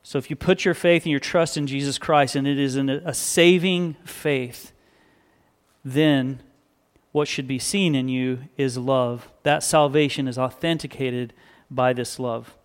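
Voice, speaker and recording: Guy preaching in church, reads verses then explains, slows down to stress stuff, clear smooth voice. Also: medium pitch, steady tone. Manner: measured, emphatic, slows to stress key words. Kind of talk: sermon reading and explaining scripture.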